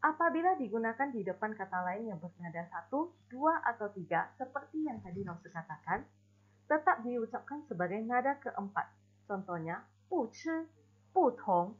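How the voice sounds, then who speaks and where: A woman teaching a recorded Mandarin class, explaining slowly and modeling examples aloud. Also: on the high side, lively intonation, breathy edge. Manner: slow, deliberate explanations with spoken examples. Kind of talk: recorded online class lesson. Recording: dull lo-fi recording.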